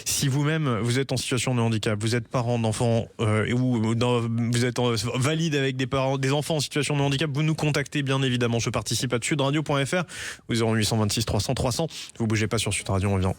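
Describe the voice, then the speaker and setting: A man's voice: medium pitch, fast talker. A man hosting a radio talk show, speaking with many hesitations and light jokes. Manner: hesitant, many fillers, jokey. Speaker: radio host.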